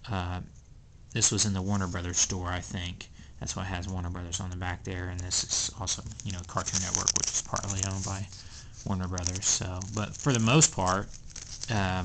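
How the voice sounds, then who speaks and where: A man's voice: deep voice, noisy background. A young man in a small room at home, rambling and hesitant through a casual show-and-tell of his collection, with plenty of ums. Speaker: collector selling items.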